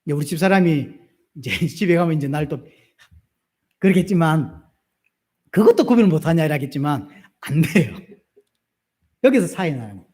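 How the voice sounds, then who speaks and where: A middle-aged pastor with a Gyeongsang Korean accent preaches in a high voice that swings strongly in pitch. He poses questions to the congregation and answers them himself with animated emphasis.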